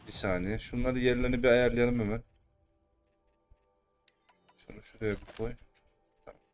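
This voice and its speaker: A man giving live gameplay commentary as a streamer, excitable and cursing at the game at times, then calm and muttering. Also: medium pitch, normal speed, faint music behind.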